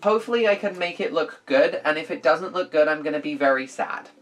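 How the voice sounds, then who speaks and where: A woman's voice: deep voice, steady tone, fairly quick. A young woman vlogging casually, playful, giggly and dramatic as she chats to the camera. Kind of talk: casual vlog chat.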